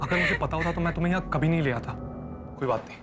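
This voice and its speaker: A man playing a calm protective husband. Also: on the high side, rapid-fire, loud music behind the voice, natural voice. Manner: soothing, steady. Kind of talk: TV horror drama acting.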